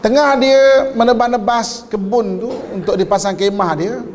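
A male preacher, telling a story to a live audience in a lively, joking way. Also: sits high, moderate pace, long reverb tail, slight background noise.

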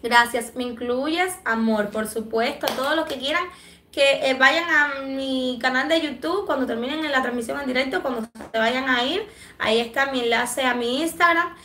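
A Cuban woman with a Cuban Spanish accent, hosting a livestream and reading viewer comments in a chatty, affectionate way, clearing her throat from allergies. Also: high voice, normal speed, pushed and bright, echoey room, slight background noise. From Cuba. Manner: chatty and affectionate, many fillers. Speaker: livestream host.

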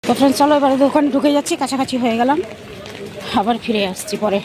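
A woman's voice: sits high, racing, a little mellow, a little hiss or hum. A woman vlogger from India chatting casually to her viewers while walking wet streets and visiting a shop. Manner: chatty, addresses viewers as friends. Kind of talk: casual vlog narration.

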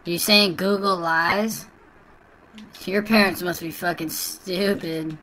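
A man's voice: sits high, fairly even intonation, takes it slowly, pushed and bright, heavily acted, low-quality recording. A man using a voice changer to play an obnoxious, crude little kid who taunts other players in online game chat. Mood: taunting. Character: obnoxious trash-talking little kid gamer. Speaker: prank gaming video host.

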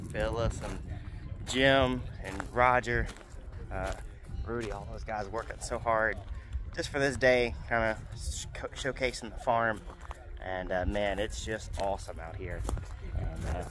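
A man's voice: on the low side, fairly bright tone. A man in his thirties chatting casually to his phone camera outdoors on a farm, upbeat and rambling with plenty of fillers. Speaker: vlogger. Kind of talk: casual vlog chat. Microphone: phone camera at arm's length.

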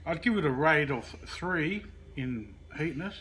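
A man's voice: on the high side, animated, a little slow, bright, forceful tone, slight background noise. A man, a guest taster in a casual vlog, making short laid-back remarks.

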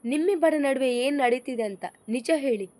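A woman's voice: sits high, moderate pace, mellow, close to an everyday voice. A woman voicing a grave, demanding mother-in-law who questions her family in a stern way in an audio story.

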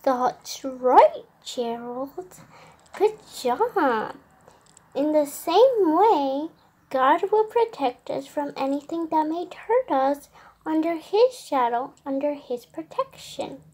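A young performer doing a gentle mother creature. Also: high-pitched, lively intonation, slow. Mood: teaching. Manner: soothing, reassuring, reads scripture aloud. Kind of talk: toy-figure skit role-play.

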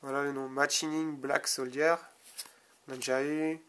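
A young man from France casually commenting while opening a box of trading cards, reading card names slowly with small asides. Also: mid-range voice, level tone, bright, forceful tone, slight background noise. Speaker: card-opening video host.

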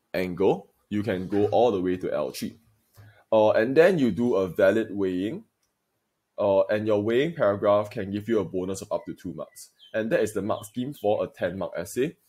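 Low-voiced male history teacher. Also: a little mellow, husky. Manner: deliberate, emphatic lecturing, addressing students directly. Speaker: secondary school history teacher. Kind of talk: recorded video lesson.

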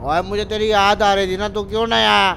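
Excitable high-voiced gaming host. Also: male voice, a little fast, vocal fry, a little hiss or hum. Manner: excitable, loud exclamations. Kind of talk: excited gameplay commentary.

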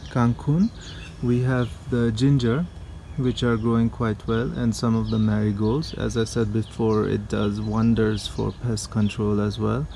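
A man giving a casual narrated tour of his home garden, explaining plants in a relaxed way with frequent ums, recorded outdoors on a handheld phone. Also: mid-range voice, creaky, a little hiss or hum.

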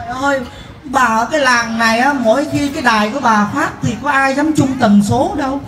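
A woman's voice: high voice, fairly quick, echoey room, noisy background, lightly acted. A woman playing a teasing village man. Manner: dry, teasing, mocking. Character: teasing male village neighbor Anh Tu.

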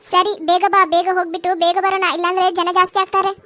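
A forgetful, bossy mother-in-law from a comedy cartoon, acted by a woman. She scolds and wails in a very high, bright voice, recorded close and dry. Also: level tone, fast talker, no echo. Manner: scolding, commanding, dramatic laments. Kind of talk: cartoon voice acting.

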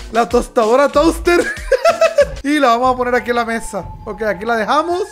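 A man narrates a video game to his audience in a high, light voice. He is excitable, shouts and laughs a lot, and addresses viewers directly. Soft game music plays quietly underneath. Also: fast talker. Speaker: gaming YouTuber. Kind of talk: let's-play commentary.

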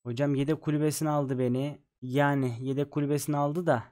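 A young man commentating on his football video game, recorded at home late at night and keeping his voice down. He is excitable, swinging from yelling at plays to glum muttering. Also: a little high, brisk. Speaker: gaming YouTuber.

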